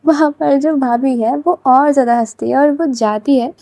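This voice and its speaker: A woman's voice: high voice, normal speed, vocal fry, dark tone, no echo. A woman storyteller who narrates a serialized story in a casual, chatty way and talks straight to her listeners.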